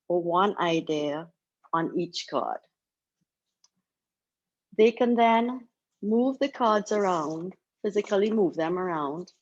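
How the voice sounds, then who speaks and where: A Trinidadian woman, a teacher on a webinar panel, explaining methods patiently and step by step. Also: mid-range voice. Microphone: video call. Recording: dull video-call audio.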